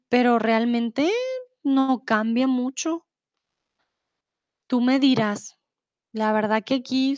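Woman, teacher, live stream lesson, slow, patient, fairly high voice. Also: darkish tone, no room sound. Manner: slow, patient, reads viewer comments aloud and explains. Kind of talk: live-streamed language lesson reading chat.

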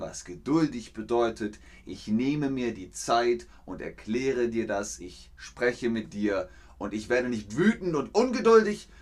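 A man teaching a live online language lesson, answering chat questions patiently and repeating example sentences clearly. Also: fairly low pitch, darkish tone. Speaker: German language teacher streaming.

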